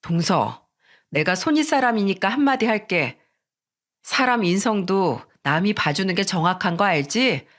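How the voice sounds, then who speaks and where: A woman's voice: medium pitch, animated, moderate pace, a bit bright, natural voice. A woman reading the part of a firm elder sister-in-law, a teacher and mother, lecturing a younger relative. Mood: indignant.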